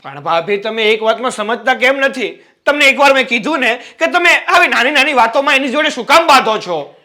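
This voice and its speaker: A man's voice: sits high, expressive, normal speed. A young man acting a younger brother-in-law who coaxes and lectures his sister-in-law, in a family drama. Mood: exasperated. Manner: coaxing, then loud and exasperated.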